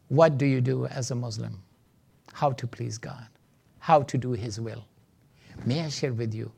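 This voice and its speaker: Gravelly and darkish at medium pitch, this Pakistani-accented man runs a teaching seminar that turns into sermon-style exhortation, delivered with earnest emphasis.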